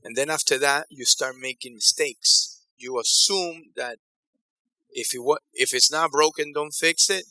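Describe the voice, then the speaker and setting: A man's voice: medium pitch, unhurried, pushed and bright, dry recording, poor audio. A man from Ecuador leading a conference breakout session on decision-making, talking conversationally and repeating phrases for emphasis. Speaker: workshop facilitator.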